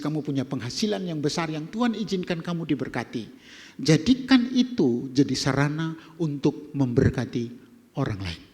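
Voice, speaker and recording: A male pastor, preaching an emphatic sermon that swings between loud exhortation and quiet asides. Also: a little high. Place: church hall. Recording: long church hall reverb.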